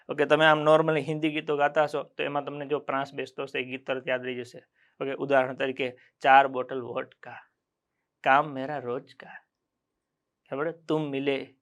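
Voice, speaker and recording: A man with a Gujarati accent teaching an exam-prep grammar class. He asks the class questions and answers them himself, repeating key terms so they stick. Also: fairly high pitch.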